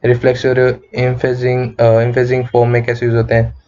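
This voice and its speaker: A man's voice: mid-range voice, monotone, a little fast, a little mellow, clean tone. A man with an Indian accent teaching an online English grammar lecture, explaining in Hindi mixed with English, with many fillers and rhetorical questions. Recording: dull lo-fi recording.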